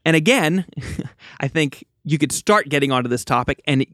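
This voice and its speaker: A man's voice: a little high, lively intonation, normal speed, a bit bright, dry recording, clean studio sound. A man co-hosting a podcast in a casual, chatty way, often laughing between thoughts. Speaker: podcast co-host.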